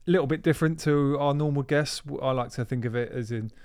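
A man's voice: medium pitch, fast, darkish tone, clear, resonant tone. A man hosting a podcast, introducing the guest in a chatty, informal way. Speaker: podcast host. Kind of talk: casual podcast intro and interview.

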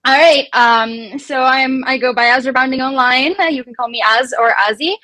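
A woman speaking casually and haltingly as a panelist and digital creator. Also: high voice, sharp tone, dry recording. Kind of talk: casual self-introduction.

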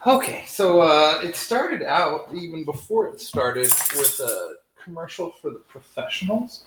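A man's voice: fairly high pitch, sing-song, measured pace, fairly bright tone, roomy sound, a little hiss or hum, poor audio. A man hosting a casual TV review, rambling, sarcastic and profane. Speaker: TV review host. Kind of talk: casual spoiler review chat.

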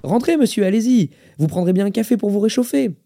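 A man's voice: high-pitched, lively intonation, quick pace, dark tone, voice pushed up. A man voicing a lonely old widower who eagerly welcomes a visitor into his kitchen. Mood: welcoming.

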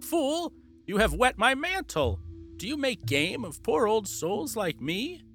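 A frail old woman whines and frets in a high, thin voice, put on by a male narrator. Her voice sounds strained and set apart from the storyteller's usual tone. This is a storybook figure, meek and plaintive in one moment and sharp-tongued in the next. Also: very animated, slow pace, soft background music, full character voice. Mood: scolding. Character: whining frail old woman, secretly a goddess.

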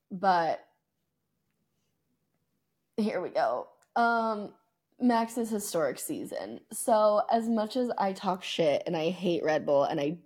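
This podcast co-host is a woman whose voice sits somewhat low and carries a darkish tone. In casual sports chat she talks conversationally, exaggerating for emphasis and voicing her opinions openly.

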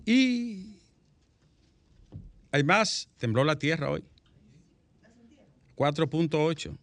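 A Dominican man hosts a news panel show, telling stories with plenty of colour and an occasional curse. His bright voice swings up and down and sits a little high for a man. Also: no room sound. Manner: animated storyteller, swears casually. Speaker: talk show host. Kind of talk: lively panel talk on news.

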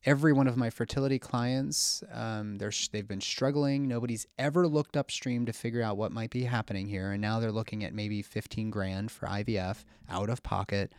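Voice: medium pitch, brisk, few pauses, a little mellow, smooth, no room sound, studio quality. A podcast host asking questions and chiming in with short supportive replies. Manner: brief, supportive interjections. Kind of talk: casual interview talk.

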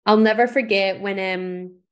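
Woman from Scotland, podcast host, earnest, encouraging, emphatic, motivational solo talk, medium pitch. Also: steady tone, unhurried.

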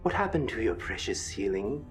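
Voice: mid-range voice, sing-song, moderate pace, lightly acted. A game master voicing an imperious, zealous prince who makes cold, commanding threats in a tabletop game. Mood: cold menace. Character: menacing masked prince atop a dragon, imperious zealot. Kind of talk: tabletop game villain role-play. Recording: music playing behind the voice.

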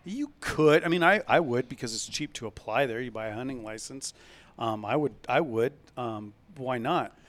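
A man hosting a hunting podcast in a relaxed, casual chat, with many fillers and restarts. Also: medium pitch, moderate pace.

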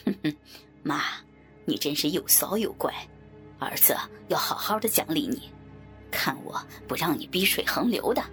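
A woman voicing a teasing, mocking grown son in a low whispered role-play. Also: expressive, normal speed, fairly bright tone, faint music behind.

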